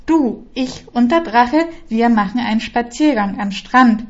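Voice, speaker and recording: A haughty storybook princess, put on by a woman reading aloud, scoffing at her suitor in a cool, disdainful tone. Her voice sits high and jumps up sharply when she sneers. The recording sounds dull and lo-fi. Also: lively intonation, measured pace. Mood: imperious. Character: haughty, hard-to-win modern princess, young woman.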